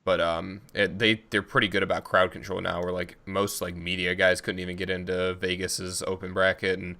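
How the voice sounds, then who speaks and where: A young man with a very low voice tells gaming stories in a loose, rambling way on a podcast. His tone is bright and forceful. It sounds like easy chat between friends at a desk mic. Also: little pitch movement, moderate pace. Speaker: podcast co-host, competitive gamer. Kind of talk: casual chat.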